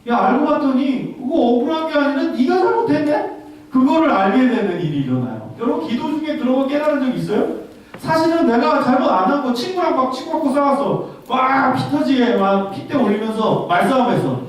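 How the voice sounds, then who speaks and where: A man preaching a sermon as pastor, speaking directly to the congregation with frequent questions. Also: high-pitched. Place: church worship hall. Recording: very echoey hall, from far off.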